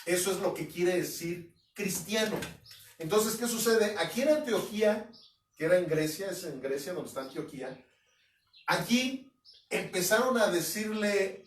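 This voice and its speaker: A man preaches an expository sermon in a high, emphatic voice. He now and then mimics doubters mockingly. The sound is roomy and echoey, picked up from a little distance. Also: animated, unhurried. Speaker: pastor. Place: at home. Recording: echoey room, mic at a distance.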